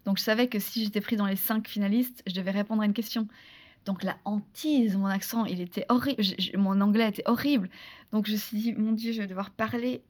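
A woman from France, a guest in a casual interview, telling a story in a lively, chatty way with many restarts and fillers. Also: mid-range voice, brisk. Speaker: interview guest, former beauty pageant contestant.

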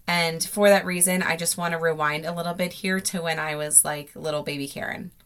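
A woman's voice: sits low, steady tone, fairly quick, a bit bright, smooth. An American woman podcasting from inside a closet, telling personal stories in a casual, gushing, informal way. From South Florida, United States. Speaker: podcast host. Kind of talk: casual, chatty personal storytelling.

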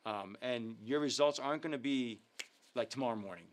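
A man of ordinary pitch hosts a youth ministry livestream. He talks in a casual, earnest and upbeat way, filling his sentences with ums and uhs. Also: a little fast, slight background noise. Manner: filler-heavy, earnest, upbeat. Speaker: youth ministry leader and host. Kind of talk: casual livestream talk with devotional teaching.

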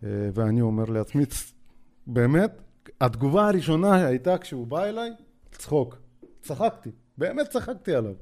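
A man in his forties with a Russian accent, a podcast guest telling his own story in a hesitant, halting way full of filler sounds. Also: fairly high pitch, sing-song, darkish tone. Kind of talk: personal storytelling.

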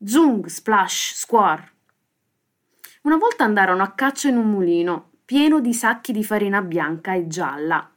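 A woman hosting a children's podcast, reading a fable aloud with lively, expressive delivery. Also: medium pitch, fairly quick, hardly any pauses. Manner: lively expressive reading with sound-effect words. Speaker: storyteller host.

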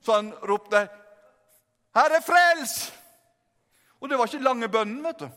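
An older man preaching a revival sermon in a very high voice, in a church hall with a long reverb. He tells the stories playfully and acts out every scene. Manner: lively, humorous, acts out scenes.

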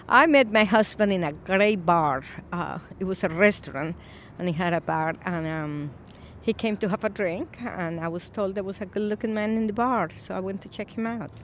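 A Colombian-born woman in her fifties, an Episcopal priest, speaking thoughtfully in a recorded interview, with frequent pauses and fillers. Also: medium pitch, lively intonation, a little hiss or hum. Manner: reflective, soft-spoken with frequent pauses and fillers.

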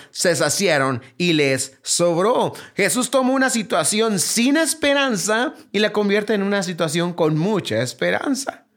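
Delivering a sermon, this male pastor leans on rhetorical questions again and again. He drops into low, hushed phrases, then lifts into a raised, higher, urgent appeal.

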